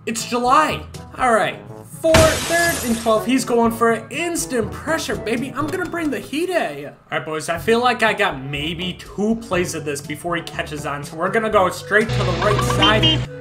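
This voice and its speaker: A young man hosting a gaming channel, giving loud, joking, profane and rambling video game commentary. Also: high-pitched, animated, moderate pace, over music.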